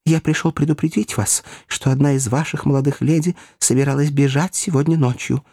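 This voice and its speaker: A man voicing a flustered elderly English gentleman who pleads loudly and desperately to be heard. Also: on the high side, steady tone, brisk, breathy edge, dry recording, clean studio sound, voice pushed up. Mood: earnest.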